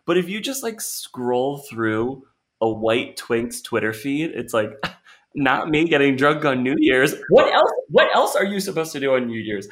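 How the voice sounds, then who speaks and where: A young man hosting a podcast, ranting in a casual, animated way with sudden leaps into a high voice. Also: unhurried. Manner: animated ranting with big pitch jumps. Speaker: podcast host.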